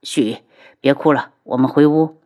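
A weary young husband, played by a woman reader, speaking low, cold and held back. His words come slow and flat, without any raised heat. It is a storybook voice, pitched below the reader's own.

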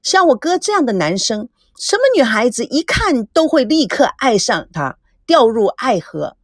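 A woman's voice: fairly high pitch, very animated, normal speed, no echo, clean studio sound. A woman voicing a cocky, clever teenage girl in an audiobook, talking in a coaxing, know-it-all way. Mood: earnest. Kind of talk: audiobook character voice.

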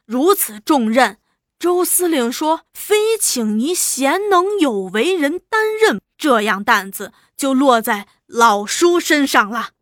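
An eloquent young official full of flattery and persistence, as a woman storyteller puts him on. The voice rides high and lively, delivered at a measured pace. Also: no echo, clean studio sound, full character voice. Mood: persuasive. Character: young man, smooth-talking persuasive official. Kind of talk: storytelling dialogue.

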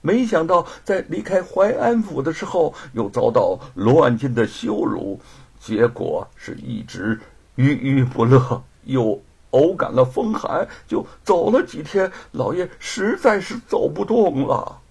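A man voicing a grieving older noblewoman, raspy. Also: fairly high pitch, big pitch swings, unhurried, darkish tone, voice pushed up, full character voice. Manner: pleading, sorrowful.

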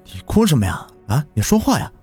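A man's voice: on the high side, sing-song, a little fast, a little mellow, breathy edge, pitched above the performer's own voice, full character voice. A man voicing a cowardly, trembling husband who stutters and repeats words in fear. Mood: anxious. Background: music.

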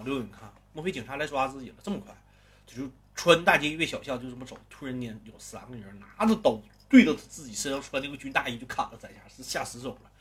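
A man's voice: medium pitch, fairly bright tone, husky. A man telling a crime story casually, coarse and swearing, talking to listeners as brothers.

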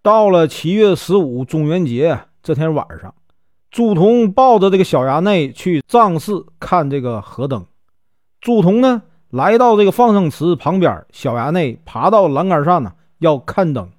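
A male storyteller with a Northeastern Mandarin accent, relaxed and folksy, sprinkling small fillers through the tale. His pitch moves a lot and sits somewhat high. The recording is close and dry. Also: normal speed, dry recording. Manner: folksy, filler-laden telling. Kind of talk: casual storytelling narration.

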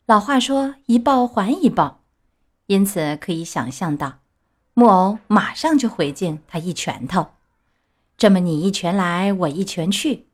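A woman storyteller reading a children's novel aloud in an expressive, animated way. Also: mid-range voice, husky.

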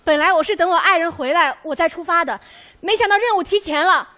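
An earnest young army wife, begging for help. Her voice is very high, bright and edgy, and she speaks with urgent pleading. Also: fast. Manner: urgent, imploring. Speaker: daughter in a stage sketch. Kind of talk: comic sketch acting.

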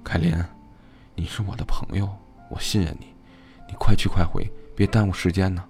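A man voicing an injured young man who speaks weakly, breathy and faint. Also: sits low, steady tone, normal speed, a little mellow, faint music behind.

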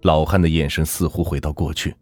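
A man narrating a folk ghost story in a husky voice, with lively, dramatic delivery. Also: a bass voice, fairly quick, no room sound, soft background music.

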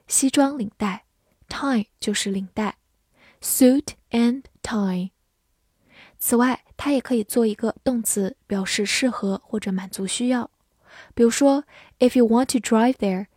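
Husky woman teaching English words slowly. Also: on the high side, a little mellow, no echo, studio quality. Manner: spells words letter by letter and reads sentences slowly. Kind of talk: vocabulary lesson with slow model readings.

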